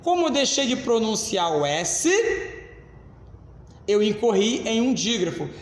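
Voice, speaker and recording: A Brazilian man teaching a grammar lesson at the board, explaining slowly and addressing the class as "senhores.". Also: sits high, big pitch swings. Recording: echoey classroom, reverb.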